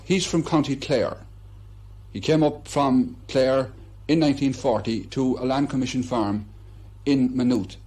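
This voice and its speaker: A man conducting a formal broadcast interview, courteous and measured, with some hesitation in his questions. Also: mid-range voice, a little mellow.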